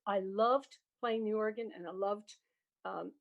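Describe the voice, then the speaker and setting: Her voice is medium-pitched and gravelly, a little slow with fairly even intonation, heard through narrow, tinny audio. She's an older guest from Prince Edward Island, Canada, speaking with a Canadian accent, a music educator and organist who reminisces casually and animatedly, trailing off into asides.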